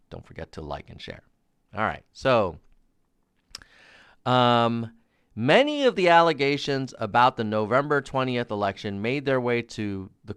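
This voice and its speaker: A man's voice: mid-range voice, fairly bright tone, smooth, no room sound, studio quality. A man giving live-stream political commentary, reading documents aloud in an emphatic, sarcastic, incredulous debunking manner, repeating key phrases.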